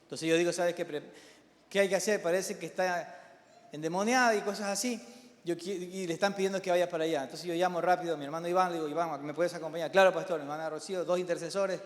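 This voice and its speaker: A middle-aged male pastor with a high voice preaches a live sermon. He urges his hearers with emphatic repetition, then drops into quiet storytelling. The recording carries the long reverb of a large church hall. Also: fairly even intonation, fast talker.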